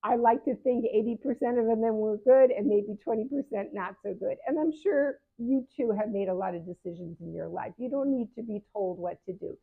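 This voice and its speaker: A woman in her seventies gives candid advice to her viewers on camera as a patient advocate, correcting herself mid-sentence often. Her fairly high voice is slightly rough with vocal fry, moving at a normal speed with hardly any pauses. The sound is narrow and phone-like.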